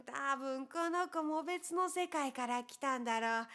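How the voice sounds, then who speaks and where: A woman voicing a jovial, blunt old male farmer who teases and jokes in a gruff, folksy way. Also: sits high, measured pace, pushed and bright. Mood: teasing. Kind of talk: audiobook character voice.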